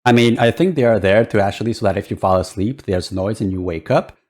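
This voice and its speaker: A man's voice: lowish voice, fast, a little mellow. A man giving casual reaction commentary as a streamer, in a hesitant, rambling way. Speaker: VTuber streamer.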